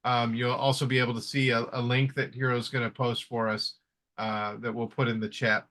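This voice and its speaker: Bright-voiced friendly webinar host, man. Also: mid-range voice, level tone, moderate pace. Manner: friendly, filler-heavy with restarts. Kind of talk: casual live webinar chat.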